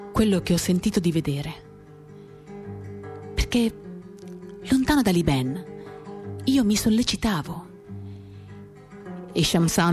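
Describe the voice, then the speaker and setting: With acoustic guitar behind her, a woman whose voice is on the low side and darkish reads from a novel for radio theatre. Her literary monologue comes in short phrases, delivered in an intimate, dramatic, confiding way.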